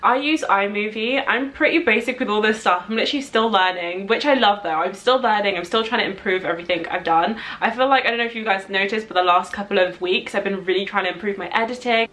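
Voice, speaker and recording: A woman's voice: mid-range voice, quick pace, hardly any pauses, a bit bright. A young adult woman with a London accent chatting casually as she answers viewer questions, thinking aloud in a rambling way with frequent asides. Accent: London English. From London, England.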